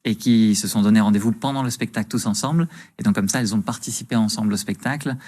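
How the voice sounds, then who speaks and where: A man's voice: on the low side, quick pace, a little mellow. A man working as a magician, explaining things agreeably and conversationally as a guest in a TV interview.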